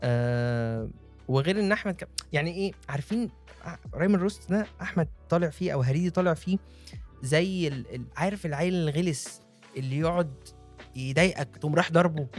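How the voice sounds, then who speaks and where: A man's voice: on the high side, quick pace, faint music behind. A man with an Egyptian accent in casual comic chat, with a teasing, mock-aggrieved way of talking.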